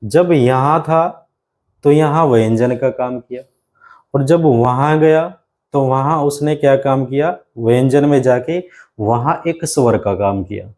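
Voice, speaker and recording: A man delivers a grammar lesson for exam students in a mellow, mid-range voice, going a little slowly. He builds the explanation step by step, asking plenty of rhetorical questions and often calling the students friends.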